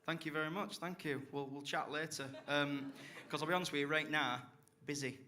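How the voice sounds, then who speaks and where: A young South Yorkshire man doing stand-up, his voice sitting a little high and sounding bright and forceful. He swears freely and teases the crowd with cheeky banter between his jokes. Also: steady tone, brisk. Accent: South Yorkshire English. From Barnsley, South Yorkshire, England. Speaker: stand-up comedian. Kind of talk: live stand-up set. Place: comedy club stage.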